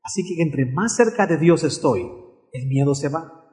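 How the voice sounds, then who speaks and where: A man's voice: fairly high pitch, lively intonation, moderate pace, darkish tone. A man preaching a sermon in an earnest way, often asking his listeners questions.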